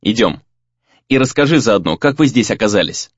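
A man voicing a calm, steady young male spell-caster hero who speaks in a reassuring way in an audiobook. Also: lowish voice, normal speed, no room sound, lo-fi sound.

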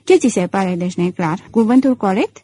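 A woman's voice: mid-range voice, expressive, mellow, husky. A woman voicing a proud young male student detective in an audiobook, cocky and easily shaken. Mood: puzzled. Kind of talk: audiobook character reading.

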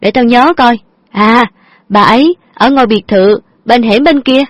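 A woman's voice: fairly high pitch, unhurried, dry recording, pitched above the performer's own voice. A woman narrator voicing a cheeky young female friend who teases. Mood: excited.

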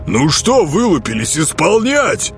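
A man's voice: fairly high pitch, wildly swooping pitch, measured pace, vocal fry, faint music behind, voice pushed up, full character voice. A man voicing a bossy, capricious girl disguised as a hoofed rider, giving orders.

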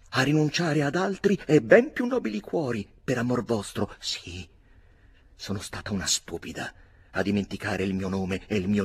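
A man voicing an older noblewoman who hurls bitter, scornful insults in a shrill, scolding tone. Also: a bit bright, slightly rough, full character voice.

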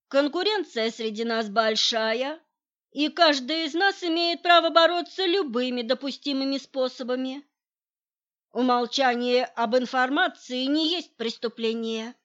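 A woman's voice: high-pitched, measured pace, a bit bright, pitched above the performer's own voice. Woman voicing stubborn man, indignant, defensive, audiobook reading, muffled recording. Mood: defiant. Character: stubborn middle-aged man guarding his secret.

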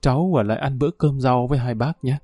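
A man's voice: mid-range voice, fast talker, mellow, no room sound, studio quality, faint music behind, lightly acted. A man doing a tender old countrywoman. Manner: exclaiming, then wistful.

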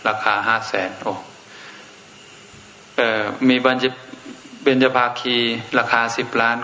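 A man's voice: mid-range voice, flat delivery, slow, sharp tone. A man, a Buddhist monk, giving an informal Dharma talk in a blunt, outspoken way. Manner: blunt and outspoken, with frank everyday speech. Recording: echoey room with faint noise.

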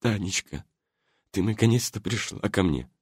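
An elderly man answers sheepishly in a soft, quiet voice, as a male reader lightly puts him on. His pitch stays low and he sounds apologetic. The sound is dry and close. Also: lively intonation, normal speed, slightly rough, dry recording. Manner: soft, sheepish, excusing himself. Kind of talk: audiobook character voice.

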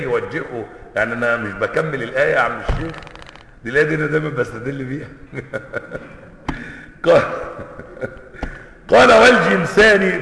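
Egyptian male sheikh teaching, chants the examples and keeps checking the room with quick questions, bright edgy tone, long hall reverb. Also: medium pitch, creaky, slight background noise. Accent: Egyptian Arabic. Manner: chants recited examples, then quizzes listeners with quick rhetorical questions. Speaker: sheikh teaching a classical text. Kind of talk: religious lesson on Quranic recitation.

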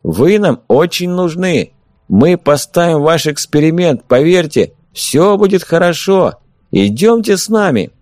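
Man doing a sweet-talking bad guy shouting from outside, high and swoopy, audiobook. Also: expressive, a little slow, no echo. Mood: coaxing. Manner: ingratiating, calling out loudly. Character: smooth-talking male enemy envoy, coaxing and insincere. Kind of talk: audiobook character voice.

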